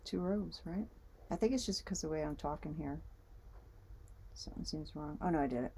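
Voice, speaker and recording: A woman's voice: low voice, moderate pace, warm tone, slight background noise. A woman vlogger chatting casually as she knits, muttering little asides to herself while she works. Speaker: knitting vlogger. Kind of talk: casual chat while knitting.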